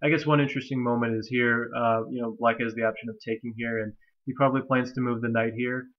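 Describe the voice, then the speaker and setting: A man's voice: mid-range voice, flat delivery, fast talker. A young man with a nasal, stuffy voice from allergies, casually walking through a chess game with many fillers and restarts. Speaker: chess commentator. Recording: slightly dull lo-fi recording.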